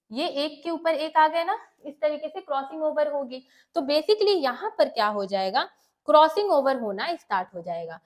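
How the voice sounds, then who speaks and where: High-voiced woman teaching biology. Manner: explains step by step, asks and answers her own questions; switches between Hindi and English terms. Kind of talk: bilingual classroom lecture.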